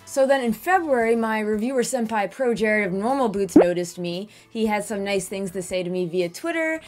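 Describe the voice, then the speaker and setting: A young woman talking through her year as a gaming YouTuber, chatty and candid, swearing freely. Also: medium pitch. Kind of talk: casual year-in-review vlog.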